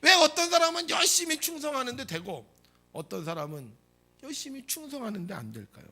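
Animated, bright-voiced male preacher. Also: extremely high pitch, fairly quick. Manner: dramatic, full of rhetorical questions. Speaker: pastor. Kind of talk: sermon.

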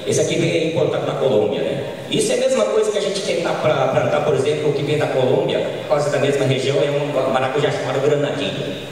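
Middle-aged Brazilian man, handheld mic, lively pitch, slightly high voice, big echoey hall, distant. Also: fast. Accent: Brazilian Portuguese. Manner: informal, frequent tag questions. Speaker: agronomist lecturer. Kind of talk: conference lecture. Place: large conference hall. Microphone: handheld mic, filmed from far.

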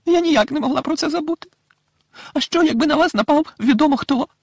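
A man voicing a frantic, tearful middle-aged witch mother in a high, shrill, sobbing voice, from an audiobook. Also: fairly quick, dry recording, clean studio sound.

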